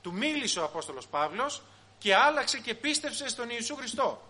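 A man preaching a sermon to his congregation, asking rhetorical questions and briefly acting out the people he quotes. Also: extremely high pitch. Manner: animated, rhetorical questions, acts out quoted voices.

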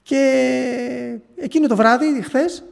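A man with a high voice preaches, relating an encounter in an earnest, halting manner. He restarts phrases often as he tells the story. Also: vocal fry. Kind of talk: sermon testimony.

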